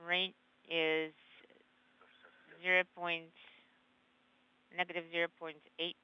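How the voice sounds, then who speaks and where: A man's voice comes through a dull, lo-fi space-to-ground radio link, like a sci-fi communicator. He reads numbers and confirmations in clipped, matter-of-fact callouts, high-pitched yet smooth. His delivery stays flat and even. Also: slow. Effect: space-to-ground radio transmission. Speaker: space station crew member.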